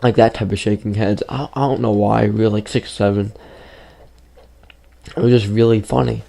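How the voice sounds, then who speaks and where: A fifteen-year-old boy, a gaming YouTuber, tells a rambling, filler-heavy story over gameplay while losing his voice. His male voice is on the low side, creaky and mellow, with fairly even intonation at normal speed.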